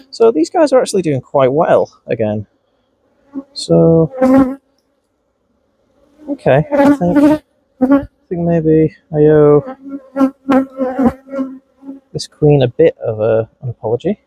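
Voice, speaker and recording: A man with a mild Scouse-Wigan accent narrates a beekeeping vlog outdoors at his hives, wearing a bee suit, chatting with the bees and scolding them as he works; his voice jumps up when he's startled. His voice sits on the high side, with big pitch swings, a slow pace, creak, long pauses and a warm tone. The mic is clipped close with bees crawling on it, and the recording is rough, with no room sound.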